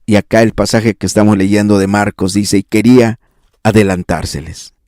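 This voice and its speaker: Predicador fervoroso de voz seca. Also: male voice, steady tone, moderate pace, a little mellow, no echo, studio quality. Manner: fervent preaching with repetition and sudden pitch rises. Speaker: pastor. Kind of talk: sermon. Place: church.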